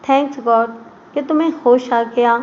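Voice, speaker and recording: Woman doing young man, playful, talkative, teasing, audio story, high-pitched. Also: steady tone, normal speed, darkish tone, muffled recording, slight background noise, close to an everyday voice. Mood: friendly.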